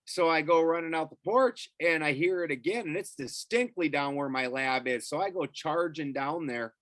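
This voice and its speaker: Middle-aged male podcast guest, animated and profane, bright tense tone. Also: on the high side, moderate pace, no echo. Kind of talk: casual storytelling.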